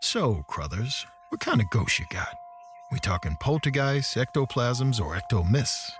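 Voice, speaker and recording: A man's voice: medium pitch, sing-song, unhurried, music in the background. A man voicing a curious, tricky young woman on a road trip, in a recorded audio story.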